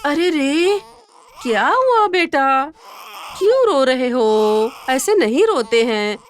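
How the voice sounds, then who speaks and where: A woman playing a cruel stepmother in a family drama, talking in a harsh, shrill way. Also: big pitch swings, normal speed, a bit bright, a little hiss or hum. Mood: cooing. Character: cruel, scolding stepmother of a young girl. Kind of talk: Hindi family drama acting.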